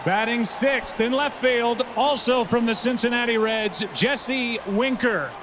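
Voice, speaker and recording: A man working as a stadium announcer, introducing lineups in a booming, showy arena style and drawing out names over the PA. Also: measured pace. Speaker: stadium public address announcer. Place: large open-air stadium, over the PA. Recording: noisy stadium PA with loud ambience.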